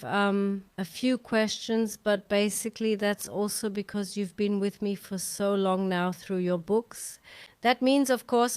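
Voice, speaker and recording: A woman's voice: mid-range voice, clean tone, no echo. Woman, 50s, interview guest; thoughtful, hesitant delivery with fillers; very clean voice, dry sound. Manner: reflective, with frequent ums and restarts. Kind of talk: conversational interview.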